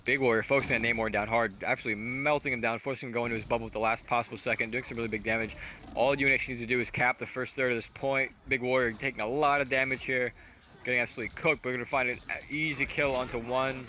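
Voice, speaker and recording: Rapid-fire male esports caster. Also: mid-range voice, fairly even intonation, pushed and bright, a little hiss or hum. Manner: rapid-fire play-by-play, self-described auctioneer pace. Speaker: esports commentator. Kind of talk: fast play-by-play commentary.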